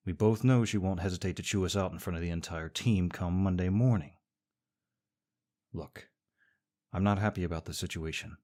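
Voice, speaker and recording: A young man with a low, darkish voice acts out a scripted audio roleplay as a teasing, sarcastic rival co-worker, a smug character he plays as a voice actor.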